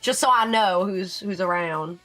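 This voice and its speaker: A woman streaming live in casual chat. She answers chat as she works and jumps to sudden high exclamations. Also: unhurried, bright, forceful tone, faint music behind. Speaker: VTuber streamer.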